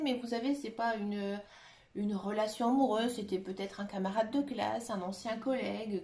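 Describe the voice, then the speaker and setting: Hesitant gravelly-voiced woman reading tarot. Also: mid-range voice. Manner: hesitant, many filler sounds, gentle. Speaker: tarot card reader. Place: room at home, dog nearby. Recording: echoey room with faint noise.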